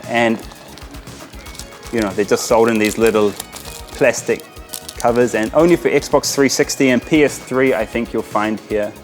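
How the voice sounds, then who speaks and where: This chatty vlogger from New Zealand has a steady, mid-range voice and a moderate pace broken by long pauses, with faint music in the background. He hosts a casual tour of small game shops in a Pakistani market, using Urdu greetings and interjections.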